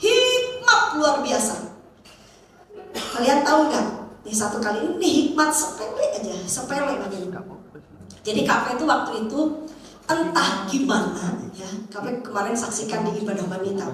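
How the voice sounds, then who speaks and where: A woman preacher, telling stories in an animated, laughing sermon to young people. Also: fairly high pitch, normal speed, slight background noise. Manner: animated storytelling with laughs and acted quotes. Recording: echoey hall, mic from far off.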